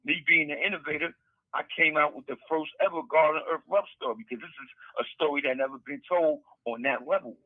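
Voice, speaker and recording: A man's voice: on the high side, fairly quick, no room sound. A middle-aged man, an interview guest and author, talking over a prison phone call in a loose, rambling way, repeating words and using street slang. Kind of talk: casual storytelling interview. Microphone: prison telephone handset. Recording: tinny prison phone line.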